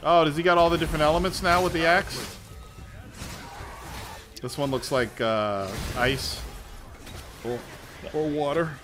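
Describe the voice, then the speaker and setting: A man's voice: a little high, fairly even intonation, a little slow, long pauses, music in the background. A man hosting a podcast, chatting casually about a game as it plays, swearing and laughing often. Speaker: podcast host. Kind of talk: casual chat over gameplay.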